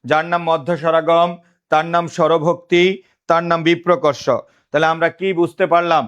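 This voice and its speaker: A slightly high, smooth, a bit bright voice with little pitch movement comes through lo-fi audio at a moderate pace. The Bangladeshi-accented man drills his live online grammar class with repeated questions, calling himself big brother to the students.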